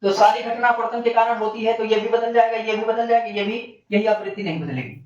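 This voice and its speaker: Man teaching in an echoey room. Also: a little fast. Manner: asks questions and answers them himself in a lower voice; addresses students as bhaiya and bachche. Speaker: physics teacher. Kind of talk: recorded classroom lecture. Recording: distant, echoey, dull classroom recording.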